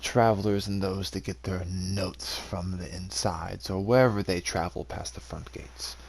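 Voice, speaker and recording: A suspicious forest soldier, as a game master puts him on, probing strangers with skeptical questions and halting fillers. His voice sits low and gravelly, with a rough fry at the ends of phrases. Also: steady tone, darkish tone, slight background noise.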